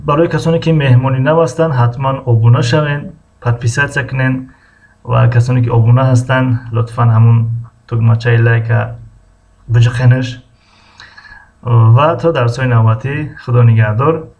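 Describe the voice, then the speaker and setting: A man with a Tajik accent teaching English, reading model phrases slowly and explaining them with many hesitations. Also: mid-range voice, fairly even intonation, a little mellow, dull audio. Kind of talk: language lesson explaining a dialogue.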